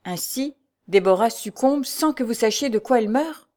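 A woman's voice: a little high, lively intonation, normal speed, darkish tone, pitched above the performer's own voice, close to an everyday voice. A woman reading the part of a young nobleman, ardent and pleading, pressing with urgent questions.

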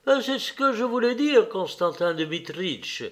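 A man's voice: high voice, very animated, unhurried, a bit bright, voice pushed up, exaggerated voice. A man reading an audiobook voices a male estate steward who drawls excuses and starts his lines with "ben" and "oh". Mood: whining. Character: fretful peasant estate steward, male, evasive.

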